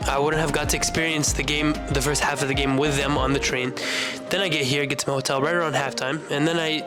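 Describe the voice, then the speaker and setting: A young American man giving a casual travel vlog recap, relaxed and chatty with lots of "like" fillers. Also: a little high, quick pace. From United States. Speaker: travel vlogger. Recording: loud music bed behind voice.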